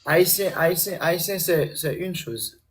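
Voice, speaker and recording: A man's voice: a little high, a little slow. A man who is not a native French speaker, flirting casually in broken French, groping for words and repeating them. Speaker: suitor in a live online matchmaking chat.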